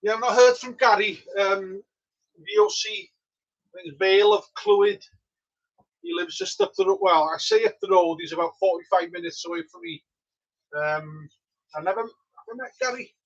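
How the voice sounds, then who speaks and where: Chatting casually on a live stream from his home brewery, a Welsh homebrewer answers viewers during his brewday in a relaxed, talkative way. He's a native Welsh speaker from Wales with a Welsh accent. His high-pitched, gravelly voice moves at a moderate pace, and the audio is dull.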